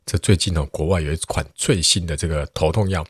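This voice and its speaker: A man's voice: very deep voice, fast talker, slightly rough, no room sound, studio quality, exaggerated voice. A man voicing a pushy doctor. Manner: pushy, keeps interrupting. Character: pushy male doctor selling pills.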